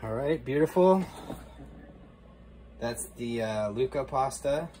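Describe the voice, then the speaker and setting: Chatty joking dad, lively voice. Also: male voice, mid-range voice, slow. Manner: joking, chatty running commentary. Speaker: dad cooking for his kids. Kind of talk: casual home cooking vlog. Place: home kitchen. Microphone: camera held by a helper. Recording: loud background noise.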